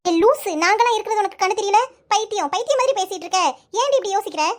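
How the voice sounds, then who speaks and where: A woman's voice: extremely high pitch, quick pace. A woman voicing young office workers in a cartoon, chatty, teasing and scolding. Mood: fretful. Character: young women office workers, teasing friend and tearful sister. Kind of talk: cartoon voice acting.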